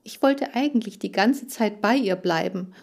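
A woman's voice: mid-range voice, normal speed, gravelly, a little mellow. A woman reading a children's audiobook, voicing an agitated, tearful girl who cares for farm animals. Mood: distressed. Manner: agitated, pleading, raised voice.

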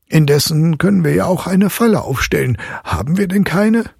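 A man voicing a calm, reasonable middle-aged father who talks in a measured, slightly exasperated way. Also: on the high side, creaky, slightly rough, no echo, studio quality, pitched above the performer's own voice, heavily acted.

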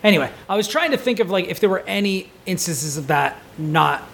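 Male podcast co-host, high voice with gravel in it, animated and casual. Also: a little fast, slight background noise. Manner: animated, swears when excited. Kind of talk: casual game discussion.

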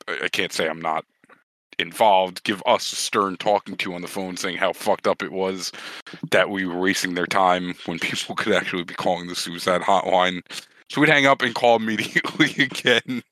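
A man's voice: low voice, bright, forceful tone, no echo, poor audio. A man co-hosting a podcast, telling stories in casual, rambling, profane chat. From New Jersey. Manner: rambling, profane, self-deprecating. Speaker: podcast co-host.

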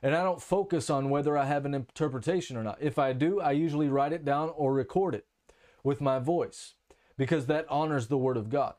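A man's voice: a little high, darkish tone. A man teaching a sermon and telling his own testimony in a candid, conversational way, with many restarts and fillers. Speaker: preacher.

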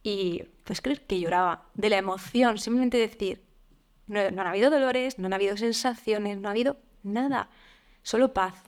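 A woman, a podcast guest talking openly and reflectively, with frequent fillers and soft laughs. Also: medium pitch, normal speed. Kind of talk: candid conversational interview.

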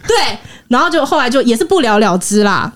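Woman guest, rapid animated storyteller, higher voice. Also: very noisy. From Taiwan. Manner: animated, acts out quoted voices. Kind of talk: casual storytelling.

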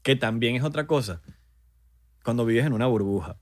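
A man's voice: mid-range voice, normal speed, dry recording. A young man with a Venezuelan Spanish accent, chatting casually and joking in slang, slipping into mock voices. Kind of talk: casual chat.

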